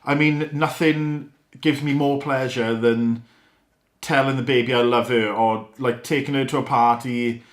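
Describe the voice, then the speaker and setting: A man's voice: mid-range voice, fairly even intonation, a little slow, echoey room. A young man, a father, talking casually to the camera at home, earnest and rambling, with small laughs and restarts. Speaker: father and vlogger. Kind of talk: casual vlog talk to camera. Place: living room at home.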